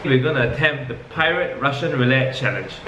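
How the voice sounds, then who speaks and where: A man's voice: medium pitch, fairly quick. A man co-hosting a casual vlog, teasing and trying out his intro lines. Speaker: vlog co-host. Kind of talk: casual chat and video intro takes. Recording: echoey room, clear noise.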